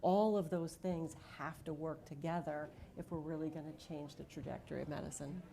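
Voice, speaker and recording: A woman's voice: deep voice, steady tone, fairly quick, gravelly, warm tone, a little hiss or hum. A woman speaking on a conference panel as a diagnostics leader, telling her story earnestly with frequent fillers.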